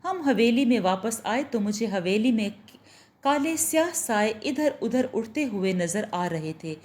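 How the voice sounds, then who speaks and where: Warm, lively woman storyteller. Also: on the high side, measured pace. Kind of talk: reading a Urdu horror-romance story.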